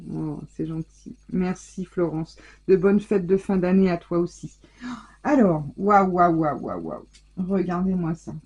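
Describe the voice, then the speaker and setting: A woman scrapbooking vlogger chats casually through an unboxing, exclaiming over every little thing. Her voice is mellow and warm, with a soft huskiness. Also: lowish voice, husky, dull audio. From France. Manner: gushing, chatty, exclaims over each item.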